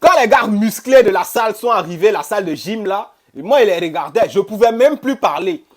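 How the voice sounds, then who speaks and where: A man tells a personal story in a lively, conversational way. He repeats phrases, acts out what others said, and speaks in a fairly high voice. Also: brisk. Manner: animated, repeats phrases, quotes others in dialogue. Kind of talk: casual first-person storytelling.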